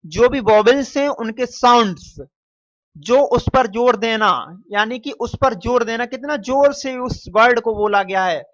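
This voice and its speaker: A man teaching as he walks through an exam paper question by question. He calls his students "dear children", drawls out the answers slowly and mixes English phrases into his talk. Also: very high voice, no echo. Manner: repeats and stretches answers slowly. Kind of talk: exam paper walkthrough lesson. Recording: dull, dry lo-fi recording.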